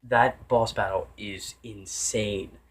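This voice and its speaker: A man's voice: on the low side, steady tone, takes it slowly. A man giving a casual, unscripted game review, rambling with many restarts and self-corrections and sometimes losing his train of thought.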